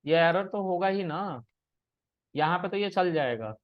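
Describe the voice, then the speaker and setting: A man's voice: high-pitched, lively intonation, unhurried. A man teaching programming in a casual classroom way, explaining step by step and checking that students follow. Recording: dull lo-fi recording.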